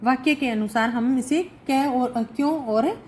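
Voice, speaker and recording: A woman teacher with a fairly high voice works through a recorded lesson at a very slow, unhurried pace. She reads each phrase, then stops to translate and explain it. A faint hiss of noise sits under her voice. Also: low-quality recording. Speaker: Sanskrit teacher.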